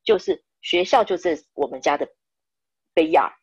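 A woman's voice: low-pitched, lively intonation, moderate pace. A middle-aged woman from Taiwan, a podcast guest telling family stories who acts out the dialogue and drops English words into her speech. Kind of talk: storytelling in a podcast interview. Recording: dull lo-fi recording.

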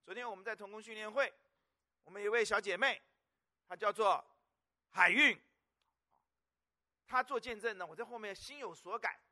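A man's voice: high voice, normal speed, pauses often, sharp tone. A male pastor preaching a sermon, emphatic and repetitive, firing rhetorical questions at his congregation. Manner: repeats phrases for emphasis.

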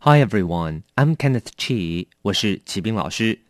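Lively male English teacher. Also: fairly low pitch, moderate pace, dry recording, clean studio sound. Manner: lively, coaxing, asks learners questions. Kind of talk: bilingual vocabulary lesson.

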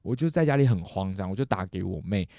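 Fast-talking man, storytelling. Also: gravelly, no echo, studio quality. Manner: animated, acts out quoted voices with big pitch jumps. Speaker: podcast host. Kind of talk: casual storytelling.

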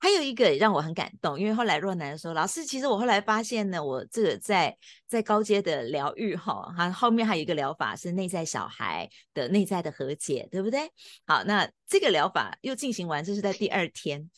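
A woman's voice: lowish voice, sing-song, fairly quick, dry recording, studio quality. A woman hosting an interview, guiding her guest with coaching questions. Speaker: podcast host and teacher. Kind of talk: encouraging interview chat.

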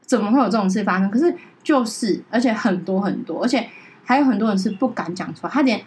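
A woman co-host with a mid-pitched voice speaks quickly in in a casual podcast chat. She is a teacher who talks emphatically and often cuts in with high-pitched exclamations. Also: a little mellow.

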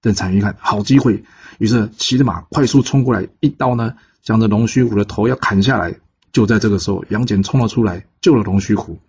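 A man with a Taiwanese Mandarin accent telling a classic tale in a casual, relaxed way, pausing often on filler particles. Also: on the low side, husky. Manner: relaxed, frequent drawn-out pause particles. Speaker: storyteller. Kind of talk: casual storytelling narration. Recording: dull lo-fi podcast recording.

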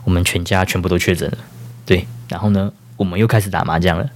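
A man's voice: low-pitched, fairly even intonation, fast. A man, hosting a podcast and telling a casual, rambling story full of fillers and self-corrections. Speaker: podcast host.

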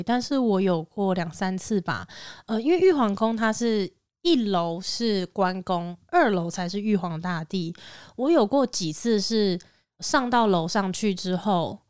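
Woman, podcast co-host, from Taiwan, chatty storyteller, middle pitch, dry close sound. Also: darkish tone, no room sound. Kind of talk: casual chat.

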